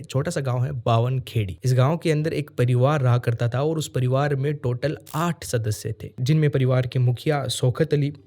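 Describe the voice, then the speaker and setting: A man narrates a true crime case in an earnest, storytelling manner. His voice is mellow and warm, pitched in a middle register. He often repeats a phrase to drive the point home. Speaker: true crime podcast host.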